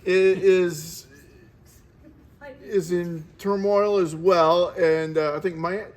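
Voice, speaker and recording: A man co-hosting a casual football chat, rambling with halting restarts as he gives his picks. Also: sits high, fairly even intonation. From Florida. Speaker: co-host.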